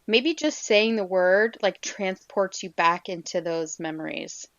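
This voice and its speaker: A young woman co-hosting a podcast in casual chat, animated and quick to laugh, asking lots of questions. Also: on the low side, no echo. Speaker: podcast co-host. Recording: slightly dull, dry podcast audio.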